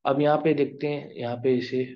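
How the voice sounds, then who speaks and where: A male teacher explaining grammar in a classroom lesson, drawing out each example word slowly. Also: mid-range voice, level tone. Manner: slow, drawn-out pronunciation of example words. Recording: dull lo-fi recording.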